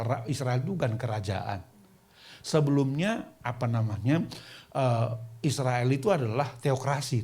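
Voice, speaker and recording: A man's voice: mid-range voice, a little mellow, husky. A male pastor preaching a sermon at a church service in a colloquial way, asking the congregation rhetorical questions.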